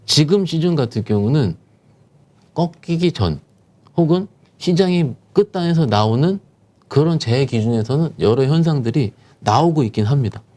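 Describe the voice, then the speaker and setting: A man's voice: on the high side, expressive, moderate pace, warm tone. A man, a securities firm manager, explaining stock market conditions as a guest, emphatic and posing rhetorical questions.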